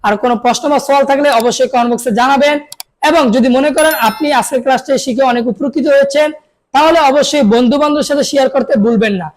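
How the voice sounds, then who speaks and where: A woman's voice: sits high, fast talker, slight background noise. A young adult woman teaching Quran reading, spelling out syllables and repeating each word several times for students to say after her. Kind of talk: call-and-repeat reading lesson.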